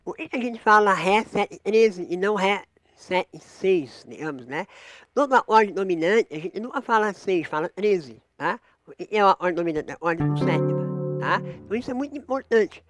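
A man's voice: sits high, lively intonation, fairly quick. A man with a Brazilian Portuguese accent giving a casual guitar lesson, thinking aloud, correcting himself and tagging on little questions. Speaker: guitar teacher. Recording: guitar playing loudly behind the voice. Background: guitar chords.

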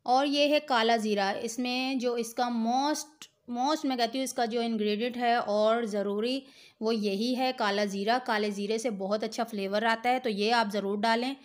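A woman's voice: fairly high pitch, steady tone, moderate pace. A middle-aged woman, host of a cooking channel, giving step-by-step recipe narration in a patient, instructive way and speaking straight to the viewer. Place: home kitchen.

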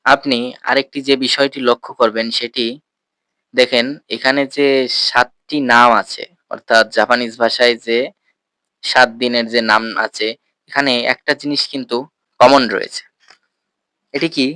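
A man teaching a language lesson, patiently explaining and slowly repeating words, often asking his listeners questions. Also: mid-range voice, fairly even intonation, pushed and bright, clean tone, dry recording.

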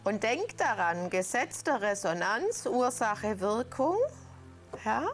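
A woman's voice: mid-range voice, sing-song, slow, soft background music. A woman hosting a live call-in advice show, talking in a theatrical, teasing and lecturing manner.

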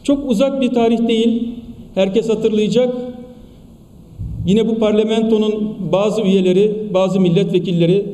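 A man's voice: sits high, steady tone, dark tone. Man speaking at a podium microphone in a hall. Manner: emphatic, rhetorical, repeated phrases with pauses. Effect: speaking at a podium microphone in a large hall. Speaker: politician addressing a party meeting. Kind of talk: political speech. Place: large meeting hall in parliament. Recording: echoey hall, distant mic.

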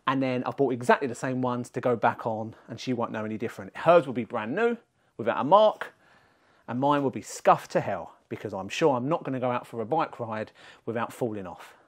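A man's voice: mid-range voice, expressive, fairly quick, dry recording, studio quality. A man, filming himself in a garage and then on a bike, talking to the camera in a chatty, self-mocking way. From England. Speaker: vlogger. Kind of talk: casual self-filmed vlog commentary. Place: garage, then outdoors cycling on roads. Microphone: action camera mounted on bike and chest.

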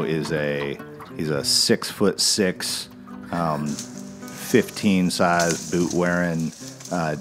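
Very deep-voiced laid-back man. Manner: laid-back, musing, filler-heavy. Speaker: musician talking about fly fishing. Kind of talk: relaxed reflective interview.

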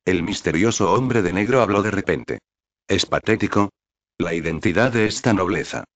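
A man reading a novel recap as scripted narration, in an even, flat manner. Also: deep voice, moderate pace, dry recording.

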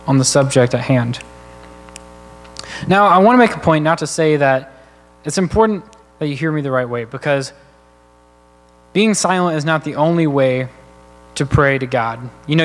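A man preaching a sermon in a church, speaking earnestly and conversationally while working through numbered points. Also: on the high side. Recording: long church hall reverb.

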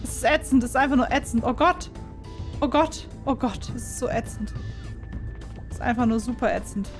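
A woman doing casual gameplay commentary, excitable and quick to yelp in alarm, who also reads the game's dialogue aloud. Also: fairly high pitch, faint music behind. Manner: excitable, frequent startled exclamations. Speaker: let's play gamer.

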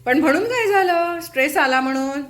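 Woman, middle-aged, high voice, chatty, playful, teasing, home kitchen vlog. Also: animated, brisk. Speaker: home cooking channel host.

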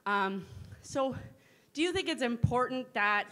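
A woman in the audience asking a careful, halting question, with many fillers, into a passed microphone. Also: fairly high pitch, expressive, pushed and bright. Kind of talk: question from the floor.

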